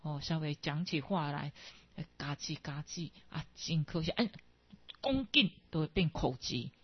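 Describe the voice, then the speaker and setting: A woman's voice: sits low, animated, unhurried, husky. A woman with a Taiwanese accent teaching in a Buddhist dharma talk, rambling, slipping into Hokkien and tagging phrases with particles. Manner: digressive, mixes in Hokkien, frequent tag particles. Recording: dull, lo-fi dry recording.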